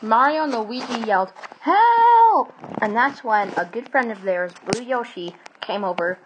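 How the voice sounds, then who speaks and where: A woman telling an improvised storybook tale in an animated way, stumbling into restarts and adding sound effects. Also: medium pitch, normal speed, lo-fi sound, slight background noise.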